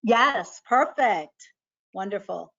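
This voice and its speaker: A woman's voice: mid-range voice, animated, takes it slowly, gravelly, sharp tone. A woman moderating a webinar panel who greets each speaker with upbeat affirmations. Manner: upbeat affirmations, some fillers. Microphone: video call. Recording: muffled video call audio.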